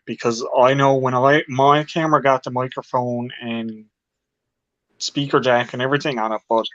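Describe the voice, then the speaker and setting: A man's voice: mid-range voice, a bit bright, dry recording. A man co-hosting a casual live chat, joking around and giving practical tips. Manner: joking, gives practical advice. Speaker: live show co-host. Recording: dull lo-fi sound.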